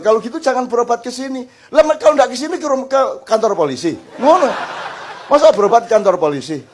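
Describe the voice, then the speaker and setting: An older man preaching to a gathering, animated and joking, acting out little dialogues. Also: high-pitched, slight background noise. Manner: animated, joking, mixes in Javanese phrases, acts out dialogues. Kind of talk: lively Islamic study talk before a crowd.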